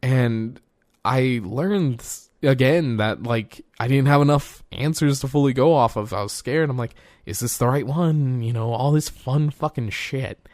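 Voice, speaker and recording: A man's voice: medium pitch, unhurried, darkish tone, no room sound, studio quality. A young man hosting a podcast, talking earnestly in a rambling, casual way with plenty of fillers and swearing. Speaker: podcast host. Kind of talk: casual heartfelt monologue.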